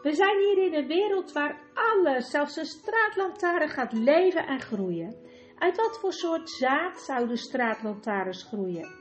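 A woman reading an audiobook and voicing a greedy, excitable sixty-year-old man who gushes and schemes. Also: sits high, takes it slowly, muffled recording, faint music behind, pitched above the performer's own voice, exaggerated voice. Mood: gleeful greedy. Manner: gushing, scheming, rubs hands with glee. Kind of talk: audiobook character voice.

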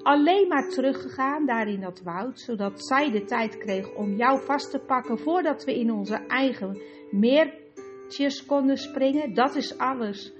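A spirited young girl answers back with cool sarcasm in a raised, youthful voice, as a woman reads her part. The storybook recording is dull and lo-fi, with guitar music playing clearly underneath. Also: high voice, lively intonation, a little slow. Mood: sarcastic.

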